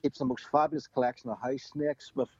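Guy, husky voice, blokey podcast chat, sounds a bit muffled and dry. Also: medium pitch, steady tone, quick pace, darkish tone, no room sound. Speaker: guest reptile keeper.

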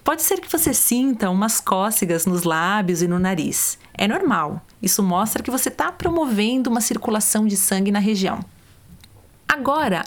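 A woman, calmly guiding listeners step by step through vocal warm-up exercises. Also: on the high side. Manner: calm, step-by-step, demonstrates sounds. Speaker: voice coach. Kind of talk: guided vocal warm-up instructions.

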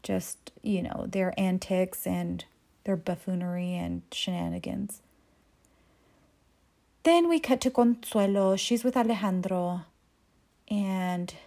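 A woman's voice: medium pitch, gravelly, warm tone. A woman casually recapping a telenovela episode, swearing freely and acting out the characters' lines with big jumps in her voice. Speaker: recap host.

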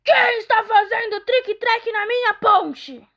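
A woman voicing a greedy, bad-tempered old male troll who roars threats, pitched well above her usual voice. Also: steady tone, slow pace, pushed and bright, heavily acted. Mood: roaring. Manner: roaring, threatening.

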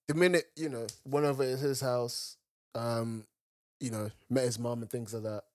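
A young man with an urban London roadman accent, telling stories in casual, slangy banter with animated reactions and repeated phrases. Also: medium pitch, normal speed, dry recording. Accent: London, urban roadman slang style. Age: young adult.

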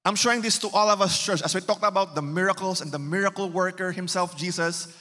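A high, bright-voiced man with a Cebuano Filipino accent preaches to his congregation in a conversational way, moving between English and Bisaya and checking in with rhetorical questions. His voice carries a long reverb from a church hall. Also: fast. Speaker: pastor. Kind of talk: sermon.

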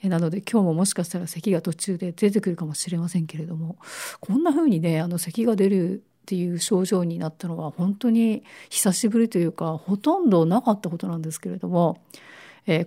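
Raspy, hoarse woman radio host, low and mellow. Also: animated, a little fast. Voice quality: raspy, gravelly hoarse voice like a smoker's rasp. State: hoarse from a lingering cold, prone to coughing. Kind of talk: casual radio talk.

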